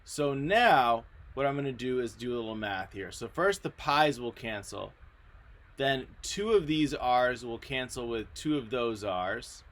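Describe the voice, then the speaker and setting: A man's voice: medium pitch, lively intonation, a little slow, a bit bright. A male math teacher talking through a recorded video lesson in a friendly, explanatory way.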